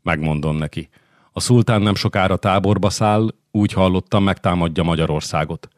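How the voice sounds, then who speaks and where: A man voicing a composed noblewoman who speaks solemnly and measured, in an audiobook. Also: sits low, no echo, studio quality, lightly acted. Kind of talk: audiobook character voice.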